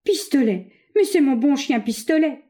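A woman's voice: high-pitched, lively intonation, moderate pace, mellow, pitched above the performer's own voice. A woman voicing a frail, distraught elderly male scientist, speaking in a pleading, trembling way. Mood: tender joy.

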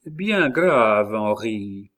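A man voicing a shrewd, scornful old queen mother who speaks cuttingly and rises into high, sharp exclamations, in a dramatized audiobook reading. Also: lively intonation, slow. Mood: grave.

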